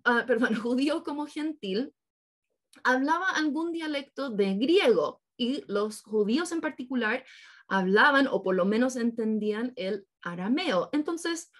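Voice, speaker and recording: A woman preaching a sermon to her congregation, painting vivid scenes and often checking in with her listeners. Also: high-pitched. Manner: engaging, keeps checking in with listeners; vivid storytelling with imagined scenes.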